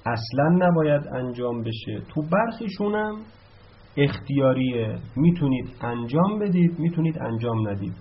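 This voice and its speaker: A man teaching a grammar lesson, explaining step by step and answering his own questions, slowing down to spell out each verb form. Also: mid-range voice. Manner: slows down to spell out verb forms. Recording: slightly dull, lo-fi recording.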